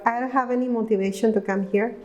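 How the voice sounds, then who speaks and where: Halting woman from Mexico, mellow voice. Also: on the high side, steady tone, lo-fi sound, a little hiss or hum. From Morelos, Mexico. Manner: halting, simple grammar. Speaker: interviewee. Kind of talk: personal storytelling.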